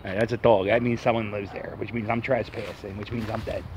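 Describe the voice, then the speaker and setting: A Philadelphia man in his thirties vlogs while walking through a wooded park, holding his phone at arm's length and rambling to himself in an anxious, jokey way. His voice is lowish and a little mellow, with little pitch movement and a quick pace. There's a slight hiss or hum in the recording.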